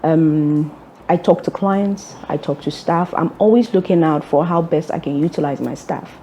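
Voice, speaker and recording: Young woman, company director, low mellow voice, calm and orderly. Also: lo-fi sound, slight background noise. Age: young adult. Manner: measured, orderly, with occasional ums. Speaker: executive director of a fuel transport firm. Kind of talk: interview answers.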